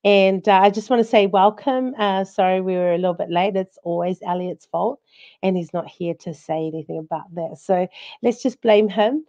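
A woman's voice: mid-range voice, steady tone, normal speed, dark tone. A woman, hosting a casual live talk show from a small room. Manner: hesitant, informal phrasing with Samoan greetings. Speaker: live stream host. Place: small room indoors at home. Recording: dull lo-fi video call audio.

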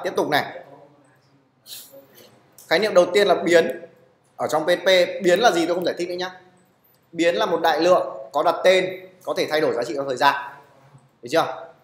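Guy teaching a coding class, keeps asking if everyone's got it, slightly high voice, roomy echo. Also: a bit bright. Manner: keeps asking "được chưa?" to check on students. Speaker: programming teacher. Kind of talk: live classroom coding lesson.

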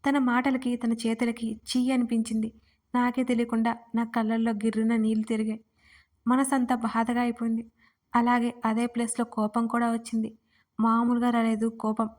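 A woman narrating her own first-person romance story in a steady, intimate reading. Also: fairly high pitch, moderate pace. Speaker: writer and narrator.

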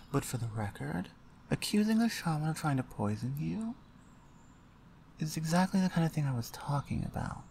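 In an ASMR roleplay, a woman voices a dominant female orc shaman in a low, slightly mellow, heavily acted tone. Stern, impatient and deliberate, she issues orders with a taunting, suggestive edge while background noise is audible.

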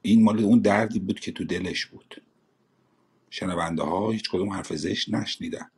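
A man's voice: low voice, a little mellow, slightly rough. A man in an online voice room speaking persuasively in defense of another speaker. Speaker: voice room participant.

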